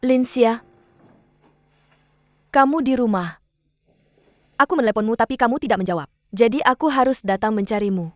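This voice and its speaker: A woman's voice: a little high, normal speed, long pauses, darkish tone, no room sound, natural voice. A woman dubbing a worried young woman who keeps pressing her close friend with questions. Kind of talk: drama dub. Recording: dull dry studio dub, faint music.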